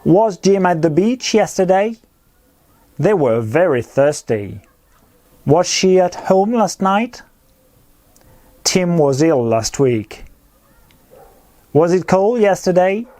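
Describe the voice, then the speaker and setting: In this recorded English grammar lesson, a man patiently gives clear explanations and runs repeated pronunciation drills. He speaks slowly in a high, sing-song voice with a warm tone and long pauses.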